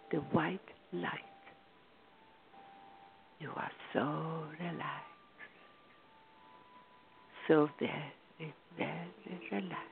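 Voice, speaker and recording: Female meditation guide, unhurried and soothing, slipping into whispers; thin, tinny recording. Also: lowish voice, creaky. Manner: slow, soothing, drifting into whispers. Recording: tinny phone-like sound.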